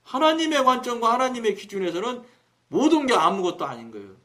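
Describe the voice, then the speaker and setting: A man preaching on his own broadcast, telling a story in a colloquial, animated way and acting out the dialogue. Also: very high-pitched, fairly quick. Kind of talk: storytelling sermon.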